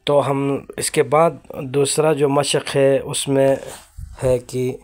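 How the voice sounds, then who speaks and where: A male religious teacher giving a recorded lesson. He explains steadily, uses frequent fillers, and drags out each example word slowly to model how it is pronounced. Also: medium pitch, little pitch movement, a little mellow.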